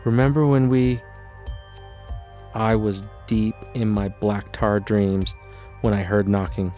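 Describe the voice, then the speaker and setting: A man narrating his own memoir as an audiobook in a steady, low-key storytelling delivery. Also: slow pace, soft background music.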